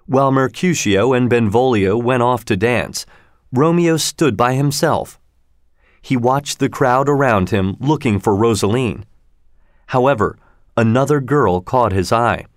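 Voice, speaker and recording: A man narrating a story in a calm, measured, scripted reading. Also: medium pitch, no echo, clean studio sound. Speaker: audiobook narrator.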